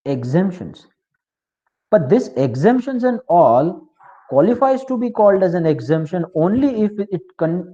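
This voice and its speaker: A man's voice: on the high side, mellow. Indian man lecturing over a dull line. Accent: Indian English. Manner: explanatory, repeats key terms, asks the class questions. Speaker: tax law lecturer. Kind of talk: online class lecture. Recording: slightly dull, lo-fi.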